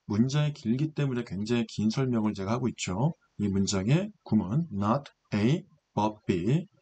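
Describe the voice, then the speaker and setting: A man teaches an English text in a patient, explanatory way, asking himself questions and then answering them. His voice is slightly husky, and his pitch moves in a lively way as he stresses each point. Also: a little slow. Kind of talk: lecture explaining English grammar.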